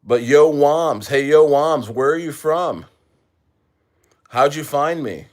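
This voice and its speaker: A man's voice: fairly high pitch, slow, a little mellow. Rambling man hosting a livestream. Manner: rambling, full of fillers, talks to viewers. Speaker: livestream host. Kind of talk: casual livestream chat.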